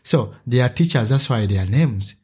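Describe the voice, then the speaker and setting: Man from Uganda, husky voice, lively storytelling guest. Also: moderate pace. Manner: animated storyteller, acts out a child's voice with a higher pitch. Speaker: teacher and podcast guest. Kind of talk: conversational interview.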